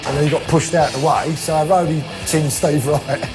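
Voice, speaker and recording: A man's voice: on the high side, fairly even intonation, moderate pace. A man recounting a band anecdote in a documentary interview. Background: music underneath.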